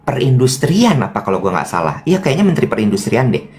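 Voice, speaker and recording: Seorang pria mengobrol santai dan bergosip sebagai pembawa acara, bercerita dengan hidup dan menirukan orang dengan suara melengking. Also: male voice, fairly quick, a little hiss or hum. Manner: animated storytelling, shrill voices for quoted people. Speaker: co-host. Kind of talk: casual gossipy chat.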